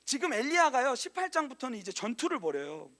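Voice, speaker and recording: A man preaching a sermon as a youth pastor. He tells the story in a conversational, animated way and speaks to the congregation directly. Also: fast. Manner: animated storytelling, acting out quoted lines in a hushed lower voice.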